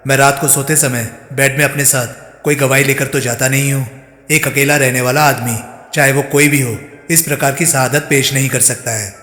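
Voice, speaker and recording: A man's voice: medium pitch, fairly even intonation, moderate pace, pushed and bright, echoey room, big-room sound, close to an everyday voice. A man voicing an irritated young man, the suspect's fiancé, who answers curtly and indignantly.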